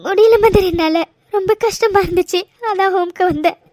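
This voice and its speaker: A woman's voice: very high voice, fairly quick, a little mellow, no echo, clean studio sound. A woman voicing a heartbroken young woman who talks tearfully and sulkily. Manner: tearful, sulky.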